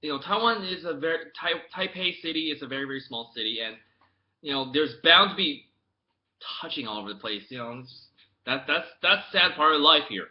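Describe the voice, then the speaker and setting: Talking casually to his laptop webcam, a young American vlogger and native English speaker rambles through a story, restarting often and swinging from mumbled asides to loud outbursts. His voice is a little high with lively intonation, slightly fast, and the audio sounds dull.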